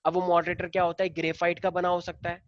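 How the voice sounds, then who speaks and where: A man's voice: high-pitched, completely flat delivery, quick pace, no room sound. Guy teacher chatting thru a lesson, asks the kids stuff constantly, dull dry recording. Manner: explains by asking the class questions; casual, familiar with students. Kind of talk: classroom lecture.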